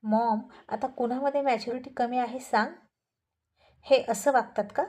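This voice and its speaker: A woman's voice: on the high side, fairly even intonation, normal speed, mellow, natural voice. A woman voicing a young man who scolds angrily and in a panic. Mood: angry scolding. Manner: scolding, exasperated.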